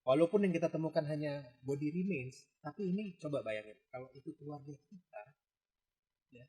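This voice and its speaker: A man's voice: fairly high pitch, expressive, a little fast, mellow, low-quality recording. A man on a podcast as a rescue-team guest, speaking in an earnest, explanatory way. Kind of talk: casual chat.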